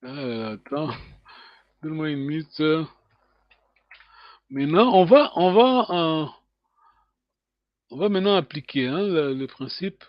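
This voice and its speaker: A man teaching a language lesson over a video call, patient and hesitant, with many pauses and fillers. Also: fairly high pitch, animated, no room sound, lo-fi sound.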